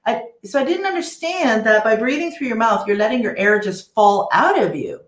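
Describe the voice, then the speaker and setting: A woman in a casual podcast conversation, telling a personal story in a lively, animated way. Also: on the high side, normal speed, slight background noise. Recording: roomy echo.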